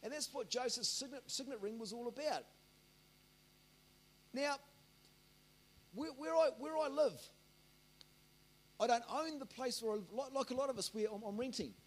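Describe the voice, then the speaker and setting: A man's voice: very high-pitched, moderate pace, pauses often. A man preaching a sermon as the pastor, repeating himself and calling out to the congregation for amens. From Australia. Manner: rambling, repeats words, asks the congregation for amens.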